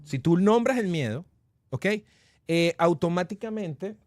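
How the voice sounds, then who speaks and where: A man's voice: high voice, lively intonation, a little slow, darkish tone, no room sound, studio quality. A man hosting a live online workshop, talking through steps in a reflective coaching tone, often restarting his sentences. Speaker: workshop host.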